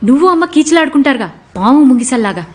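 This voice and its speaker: A woman's voice: high-pitched, lively intonation, rapid-fire, a little mellow, slight background noise. A dubbing actress voicing a sulky, cheeky teenage schoolgirl who talks back sharply. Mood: irritated. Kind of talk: dubbed drama dialogue.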